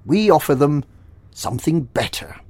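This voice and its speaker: A man's voice: on the high side, very animated, normal speed, a little mellow, breathy edge, dry recording, full character voice. A man playing a smug Slavic-accented recruiter. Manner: clipped, exact syllables. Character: secretive smug male recruiter of child chefs. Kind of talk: audio drama acting.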